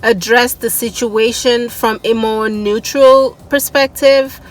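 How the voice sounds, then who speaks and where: A woman's voice: on the high side, steady tone, takes it slowly, rough recording. A woman hosting a commentary video, reacting in a casual, exasperated way. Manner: exasperated, incredulous remarks. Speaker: commentary channel host.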